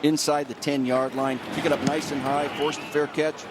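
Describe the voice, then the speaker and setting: A male color analyst talks through football plays conversationally. He has a slightly high voice and explains like a coach. Stadium noise is clearly heard behind him. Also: level tone, moderate pace.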